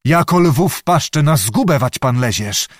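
A man's voice: lively intonation, moderate pace, dry recording, studio quality, natural voice. A man voicing a frightened servant messenger, urgent and alarmed, in an audiobook reading. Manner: urgent and alarmed, pitched high above the narration.

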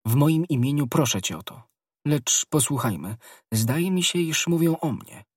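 A man's voice: fairly high pitch, lively intonation, moderate pace, husky, no echo, studio quality, pitched above the performer's own voice. A man voicing an anxious young woman. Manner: pleading, fearful.

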